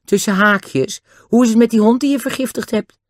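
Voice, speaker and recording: A man voicing a calm, brave boy on a holiday adventure, speaking steadily. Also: very high-pitched, normal speed, no echo, clean studio sound, voice pushed up.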